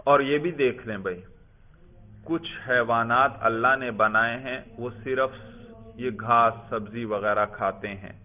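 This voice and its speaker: Man teaching over tinny lo-fi audio. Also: on the low side. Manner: explains patiently, repeats key words and quizzes students. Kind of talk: classroom lesson on Arabic grammar.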